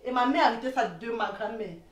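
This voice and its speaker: A woman with a Cameroonian accent playing a jealous girlfriend who shouts and accuses in a comedy sketch. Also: fairly high pitch, animated, quick pace, close to an everyday voice. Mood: agitated. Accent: Cameroonian French. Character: jealous young woman, hotheaded and insistent. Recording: echoey room, mic far off.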